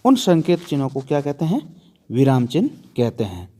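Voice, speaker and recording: A man's voice: medium pitch, sing-song, fairly quick, dark tone. A man teaching a grammar lesson for an exam, asking his students questions and answering them himself, stressing and repeating the key terms.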